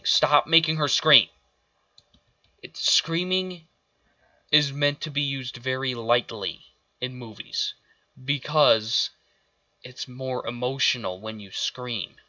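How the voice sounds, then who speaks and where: A man's voice: medium pitch, sharp tone, no room sound, dull audio. A man ranting through a show review, exasperated and profane, stumbling over restarts as he vents. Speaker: video reviewer.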